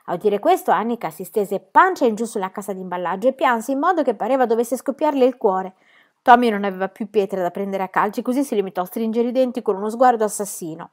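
A woman reading a children's storybook aloud in a calm, expressive narrating voice. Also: mid-range voice. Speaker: reader.

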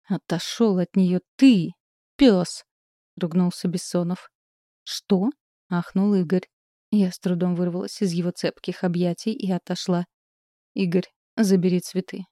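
Lower-voiced woman reading a novel aloud. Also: no echo, studio quality. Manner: expressive first-person reading of dialogue. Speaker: audiobook narrator. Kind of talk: scripted narration.

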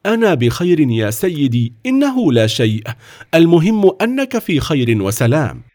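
A man doing a calm humble peasant. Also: fairly high pitch, fairly quick, dry recording, clean studio sound, pitched above the performer's own voice. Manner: calm, simple.

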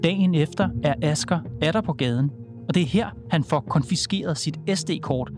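A man hosting a news podcast, asking calm, measured questions and reading scripted narration. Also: fairly high pitch. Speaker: podcast host. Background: music.

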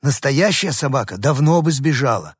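A man's voice: medium pitch, expressive, normal speed, husky, no room sound, clean studio sound, pitched above the performer's own voice. A man voicing a brash, blunt male street dog who is the narrator's companion in a storybook reading. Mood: matter-of-fact. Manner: blunt, loud.

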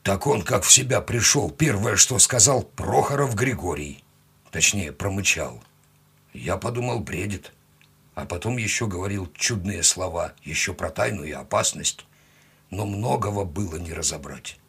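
Man narrator doing an uneasy house owner, deep husky hushed voice. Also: animated, normal speed, heavily acted. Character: wary, fretful male house owner, grumbling. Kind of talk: audiobook character voice.

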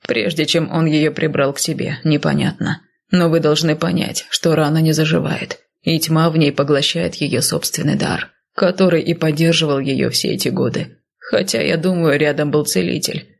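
Woman reading a dry, unflappable male healer, even delivery, low husky tone. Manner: level, dry, matter-of-fact.

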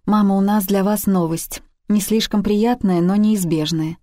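A woman's voice: mid-range voice, steady tone, measured pace, mellow, dry recording, clean studio sound, lightly acted. A woman reading the part of a desperate daughter around thirty who pleads urgently and emotionally with her mother in a story. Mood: tense.

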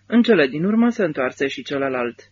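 A man's voice: fairly high pitch, very animated, darkish tone, a little hiss or hum. Male audiobook narrator, dull lo-fi sound. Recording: dull lo-fi recording.

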